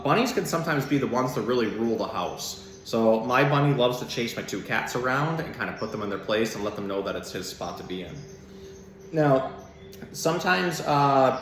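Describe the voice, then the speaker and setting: With a medium-pitched, fairly bright voice, a man gives simple explanations for children and reads from a storybook in the relaxed manner of an animal educator. The recording has a roomy echo and some background noise.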